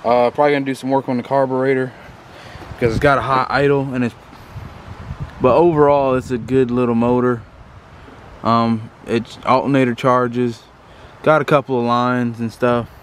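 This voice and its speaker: A man records a casual outdoor vlog, with wind blowing loudly across the microphone. His voice sits at an ordinary male pitch. He rambles through a walkthrough in a folksy, informal way, addressing his viewers directly. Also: level tone, normal speed, pauses often. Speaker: vlogger showing equipment bought for a business. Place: outdoors on a windy day. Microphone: handheld camera, flipped between self and subject.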